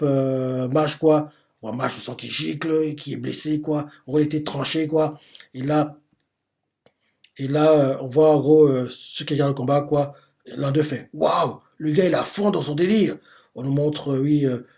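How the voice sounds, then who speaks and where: A young man hosting a live manga reaction, retelling each panel hesitantly, with lots of fillers and pauses. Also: medium pitch, fairly even intonation, mellow. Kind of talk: live manga chapter read-through.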